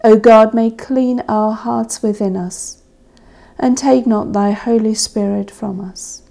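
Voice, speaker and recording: A woman leading a church service, reading scripture and prayers in a measured, solemn intoning manner. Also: on the high side, steady tone, creaky, dark tone. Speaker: service officiant. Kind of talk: liturgical reading of evening prayer.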